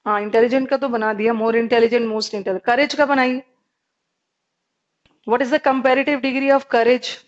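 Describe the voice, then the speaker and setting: A woman's voice: high-pitched, fairly even intonation, unhurried, pauses often, dull audio. A woman with an Indian English accent teaching a live online grammar class, explaining in Hindi mixed with English and asking her students questions.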